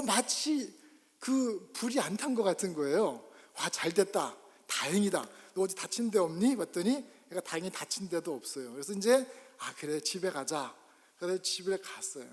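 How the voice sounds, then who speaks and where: High-voiced male pastor from South Korea, lively sermon storyteller; reverberant sanctuary. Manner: animated, acts out scenes. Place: church sanctuary. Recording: long church reverb.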